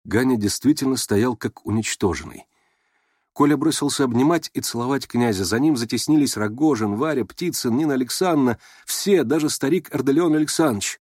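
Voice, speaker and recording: A man's voice: medium pitch, breathy edge, no echo, clean studio sound. Man reading a classic novel aloud. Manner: steady, measured storytelling. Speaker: narrator.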